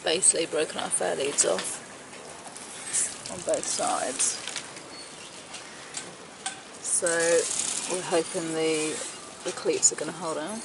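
Speaking slowly and pausing often, this thirtysomething Englishwoman vlogs about sailing from a small boat outdoors, casually chatting and narrating into a handheld camera microphone. Her low, creaky voice stays fairly even in intonation, with background noise audible.

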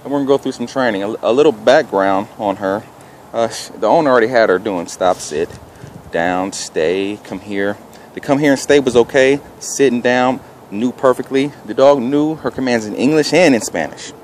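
A man's voice: medium pitch, moderate pace. A man filming himself in an open park, narrating dog training in a casual instructional way and calling out short, firm commands. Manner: calls out short firm commands between explanations. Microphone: handheld camera held by the speaker. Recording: noisy outdoor handheld camera audio. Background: outdoor ambient noise.

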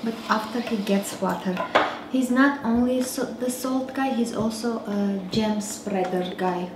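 A woman in her thirties with an Armenian accent hosts a home cooking show in a large kitchen, demonstrating a recipe while chatting and teasing her child. Her voice is fairly high and measured in pace, and heavy background noise from clinking dishes and cutlery fills the roomy space.

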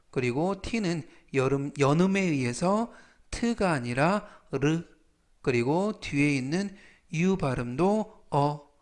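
Man teaching vocab, slightly high voice, very slow and patient, repeats every word. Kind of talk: slow explanatory lesson.

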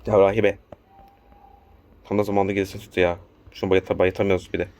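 Low flat-voiced man commenting gameplay. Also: fast. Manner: talks to the game, urging and scolding. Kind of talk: casual let's-play commentary.

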